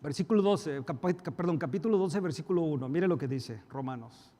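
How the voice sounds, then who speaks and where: A male pastor preaching a sermon, emphatic, acting out quarrels in a raised voice and dropping to soft asides. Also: a little high, brisk. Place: church hall. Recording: reverberant church hall.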